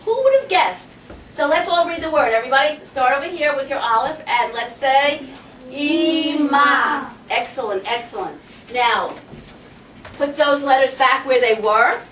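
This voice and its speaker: A woman teaching a Hebrew phonics lesson to a class, energetic and coaxing, asking the group question after question. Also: high-pitched, moderate pace, a little hiss or hum. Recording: roomy classroom audio from far off.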